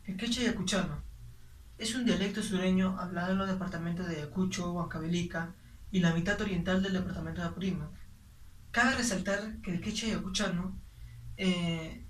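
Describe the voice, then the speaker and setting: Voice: medium pitch, steady tone, moderate pace. Hesitant young student presenter. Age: young adult. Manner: hesitant with frequent fillers. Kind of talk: class presentation. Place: classroom. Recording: echoey room, distant mic, faint noise.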